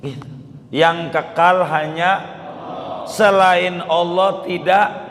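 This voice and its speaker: A hoarse man preaching, quizzing his listeners and repeating key phrases. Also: high-pitched, steady tone, slow, fairly bright tone. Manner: repeats phrases, quizzes listeners, colloquial Betawi-flavored Indonesian. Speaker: Islamic preacher. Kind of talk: lecture sermon with questions to the audience. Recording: long hall reverb.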